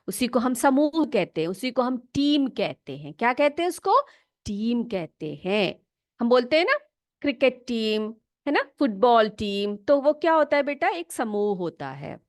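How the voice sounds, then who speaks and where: A woman teaching children English words in an online class, slowly spelling each word letter by letter and coaxing them with questions. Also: a little high, no echo, clean studio sound. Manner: patient, coaxing, asks questions.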